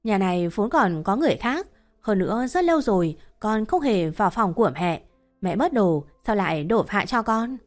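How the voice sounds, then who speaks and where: A wronged young wife who talks back firmly and coldly, voiced by a woman reading an audio story. The pitch stays at an everyday middle level. Soft music runs behind. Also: sing-song, normal speed, close to an everyday voice. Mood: cold defiant. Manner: firm, cold retorts.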